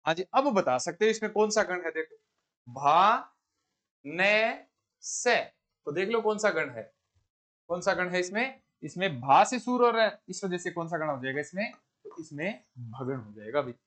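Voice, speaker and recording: Male tutor, high voice, exam-prep lesson, repeats each question before answering. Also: animated, moderate pace, a bit bright. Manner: corrects himself mid-sentence. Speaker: teacher.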